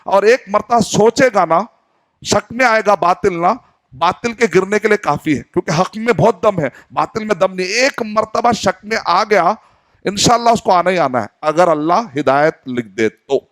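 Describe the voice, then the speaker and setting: A middle-aged preacher from Hyderabad, India, teaching in an earnest way, asking questions and playing out little exchanges. His voice sits a bit high for a man. It is close-miked and very dry, with no room sound. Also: animated, a bit bright, no echo. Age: 40s. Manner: earnest teaching tone, poses questions and acts out dialogue. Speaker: Islamic preacher. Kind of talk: sermon.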